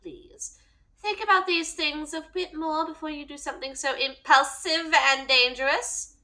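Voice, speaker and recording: A woman voicing a stern old grandmother with a thin, high old-lady voice, lecturing sharply. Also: fairly even intonation, measured pace, pushed and bright. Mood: scolding.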